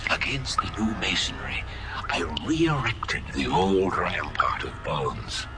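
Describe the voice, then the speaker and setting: An actor playing a haunted, tormented Gothic horror narrator, reciting dramatically and solemnly in an audio drama. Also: male voice, deep voice, sing-song, exaggerated voice, low-quality recording. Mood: grim confession. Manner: slow, solemn, swelling into frenzy. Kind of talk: theatrical recitation of Gothic poems and tales. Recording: loud music under the voice.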